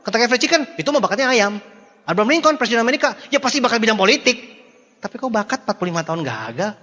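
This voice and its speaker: A man giving a jokey, animated motivational seminar talk, swinging between loud bursts and low murmurs. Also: rapid-fire, muffled recording. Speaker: motivational speaker. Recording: long hall reverb.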